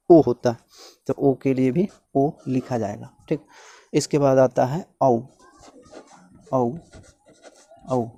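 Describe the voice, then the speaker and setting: A man teaching in a slow, patient way, sounding out each letter on its own and going over points again. His voice is mellow and warm, recorded close and dry with no room sound. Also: medium pitch, no echo. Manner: slow, repetitive, spelling sounds out one by one. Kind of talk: explanatory lesson.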